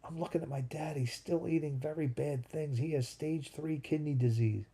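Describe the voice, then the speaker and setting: Responding to chat comments on his live stream, a man in his fifties rambles and thinks aloud in a casual way. His voice is a little high, dark and slightly rough, with a steady tone and moderate pace.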